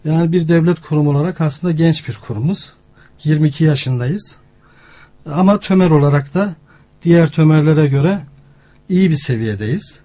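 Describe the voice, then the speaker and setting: A male academic with a mellow, slightly high voice. He explains things formally, in measured phrases broken by pauses, as an interview guest. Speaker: university language centre director, professor. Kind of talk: formal informational interview answers.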